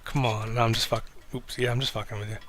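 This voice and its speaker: A man's voice: quick pace, noisy background. Rambling, swearing livestream host guy. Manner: rambling, self-deprecating, swears casually; low-key, speaks of himself as monotone. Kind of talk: casual livestream chat.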